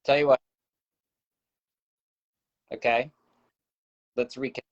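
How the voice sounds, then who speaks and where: A man calling in to a live online session, brisk and practical as he sorts out his setup. His volume is uneven, dropping out and coming back as the connection cuts in and out. The sound is dry, with no room around it. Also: medium pitch, level tone, dry recording, lo-fi sound. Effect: uneven volume, audio cutting in and out over a laggy connection. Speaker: guest, business owner. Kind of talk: casual chat. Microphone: video call.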